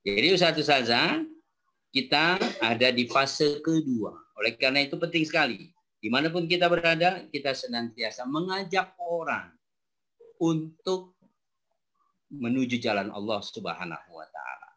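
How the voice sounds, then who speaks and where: A man's voice: medium pitch, lively intonation, normal speed, pushed and bright. A man in his forties giving a religious parenting lecture to an audience of teachers, talking to them directly and dotting his points with "ya" and "nah". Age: 40s. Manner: addresses audience directly with frequent rhetorical "ya" and "nah". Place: talk before a live audience.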